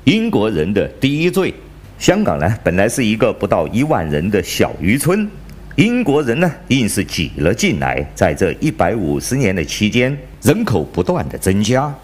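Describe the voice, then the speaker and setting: A man's voice: fairly low pitch, huge pitch swings, moderate pace. A man hosting a podcast, giving satirical political commentary in a sarcastic, mock-indignant way. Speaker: podcast host.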